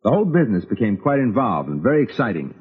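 An actor playing a reflective cavalry officer, narrating an old-time radio drama in a measured storytelling way. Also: male voice, on the low side, sing-song, breathy edge, full character voice. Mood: wry storytelling. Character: reflective male cavalry officer recounting his memories. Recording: tinny phone-like vintage radio recording.

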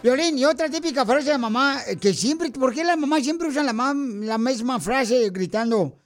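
A man's voice: very high voice, expressive, moderate pace, soft background music. A man with a Mexican accent hosting casual radio chat in slangy, teasing Chicano-style Spanish. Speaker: radio show host.

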